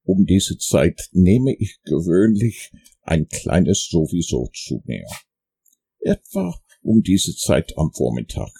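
A man voicing a humble, simple-minded teddy bear who speaks meekly and wistfully, in a gravelly voice. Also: sits low, big pitch swings, dark tone, full character voice. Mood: dreamy. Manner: meek, slow and wistful.

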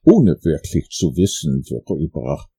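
Storybook narrator, male, deep and dark-toned, gravelly, unhurried. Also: wildly swooping pitch. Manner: slow, gentle, drawn-out delivery. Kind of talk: storybook reading.

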